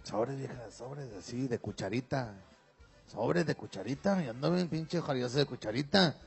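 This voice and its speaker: A man's voice: medium pitch, animated, moderate pace, vocal fry, slightly rough, faint music behind. A man hosting a radio comedy show, telling crude jokes in slangy talk full of güey and compadre.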